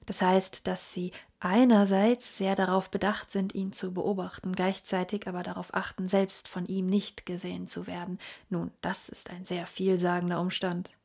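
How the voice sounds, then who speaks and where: A woman reading an audiobook, voicing a calm, keen-minded male detective who speaks in a measured, inquisitive, sometimes hushed way, with a husky voice. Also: lowish voice.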